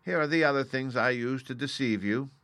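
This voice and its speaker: A man's voice: medium pitch, fairly quick, a bit bright, no echo, voice pushed up, natural voice. A man voicing a meek little old fraud of a wizard in a storybook, trembling, apologetic and pleading. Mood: explaining. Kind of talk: storybook character reading.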